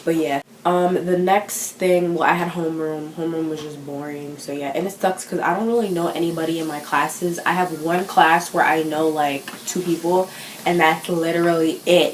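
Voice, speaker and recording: A woman's voice: deep voice, roomy sound, a little hiss or hum, poor audio. A teenage girl chatting to the camera in a vlog, self-conscious and full of fillers. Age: teens. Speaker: vlogger. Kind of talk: casual chat.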